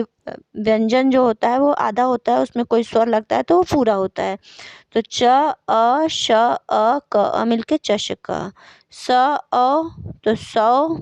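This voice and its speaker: A woman's voice: fairly high pitch, creaky, darkish tone, dry recording. A woman Sanskrit teacher explaining a school textbook lesson, reading out words and repeating their meanings patiently. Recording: dull lo-fi recording.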